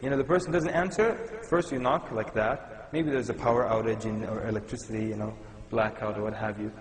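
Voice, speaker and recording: A man's voice: on the low side, fairly even intonation, fairly quick. A man from Sudan giving a conversational, humorous Islamic lecture to a live audience. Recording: echoey hall with long reverb.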